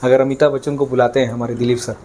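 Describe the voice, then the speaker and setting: A man's voice: medium pitch, flat delivery, quick pace, mellow, slight background noise. A man leading a live sales training session, coaxing the audience with energy and getting them to chant lines.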